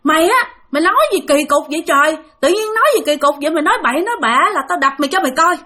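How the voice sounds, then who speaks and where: Woman putting on a shrill, scolding sister-in-law, high, quick and loud, storytelling voice. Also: animated. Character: scolding middle-aged woman, sharp-tongued.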